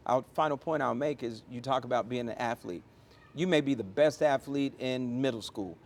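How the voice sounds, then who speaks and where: At normal speed and medium pitch, a middle-aged American man fields interview questions as a guest. He runs an airport as chief executive and answers conversationally, with a motivational, emphatic style and storytelling examples.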